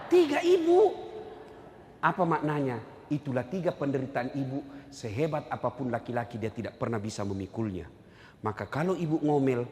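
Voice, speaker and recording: A middle-aged man preaching a humorous sermon to a hall audience, joking and acting out quotes with big swings in his voice. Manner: lively, jokey, acts out quotes with big pitch swings. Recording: echoey hall, faint ambience.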